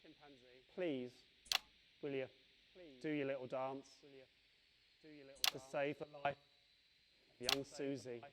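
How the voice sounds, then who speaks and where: A man's voice: mid-range voice, flat delivery, slow pace, pauses often, a crowd in the background, lightly acted. An actor playing a weary, disgraced male TV presenter who talks reluctantly and grudgingly.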